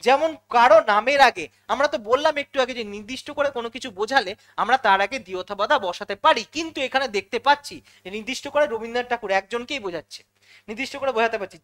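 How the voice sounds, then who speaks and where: A quick-talking woman teaches English grammar. She goes step by step, repeats the key words and keeps checking in with her students through questions. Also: a little high, a bit bright. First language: Bengali. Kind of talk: classroom-style lesson explanation.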